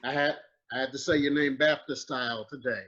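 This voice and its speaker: A man's voice: medium pitch, steady tone, a little fast, a bit bright, dull audio. A man joining as co-host in a casual chat, joking and laughing easily. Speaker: co-host, business partner.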